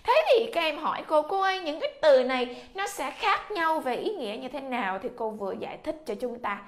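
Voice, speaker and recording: Vietnamese lady teacher drilling english words, kinda high voice, repeats sounds a lot. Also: big pitch swings, a little fast. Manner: drills sounds with repetition, coaxing. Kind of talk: classroom pronunciation lesson.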